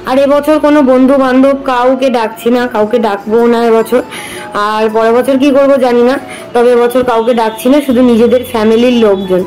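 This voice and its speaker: A woman's voice: a little high, fairly even intonation, moderate pace, darkish tone, faint music behind, low-quality recording. A young woman and mother chatting casually to her viewers in a family vlog. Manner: chatty, addresses viewers directly. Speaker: vlogger and mother of twin boys.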